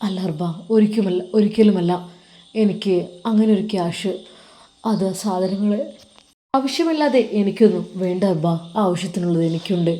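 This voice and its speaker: A kindly male religious teacher speaks softly and patiently, as a woman storyteller puts him on. His voice stays mellow and unhurried, the way a teacher soothes a curious child in a spoken storybook. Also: mid-range voice, natural voice. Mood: gentle. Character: devout male religious teacher, gentle and wistful.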